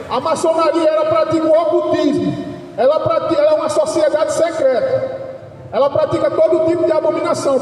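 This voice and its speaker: A man preaches a fiery street sermon in a very high, mellow voice. He shouts his points and keeps checking in with a questioning "né?". The sound is distant and heavily echoey, with a long reverb and faint ambience behind him. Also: slight background noise. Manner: shouting, insistent, repeats "né?".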